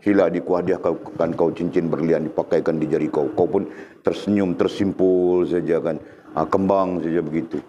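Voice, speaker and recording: A man's voice: low-pitched, darkish tone, a little hiss or hum. A man with a Malay accent giving an informal religious lecture, joking with listeners and asking "right?" often. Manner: conversational, teasing asides to listeners; repeats and checks understanding with "kan?". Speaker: religious teacher.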